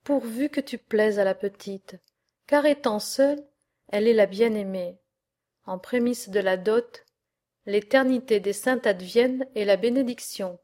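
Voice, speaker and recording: A woman's voice: medium pitch, unhurried, darkish tone, close to an everyday voice. A solemn, kindly old farmer speaking to a young suitor, as a woman reader voices him. His lines stay close to her natural reading voice. It suits a storybook reading of a verse tale. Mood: joyful. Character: kindly old male farmer, warm-hearted father.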